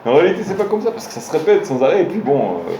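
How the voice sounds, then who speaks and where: A man with a high, expressive voice speaks very fast as he teaches an informal Torah class. The rabbi tells stories straight to his audience, hesitating and restarting often. The roomy room has faint ambience, with background noise present.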